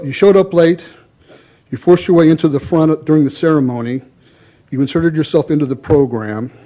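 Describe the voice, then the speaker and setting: A man's voice: on the high side, warm tone. A man giving a formal public comment at a council meeting in a stern, indignant, accusatory way.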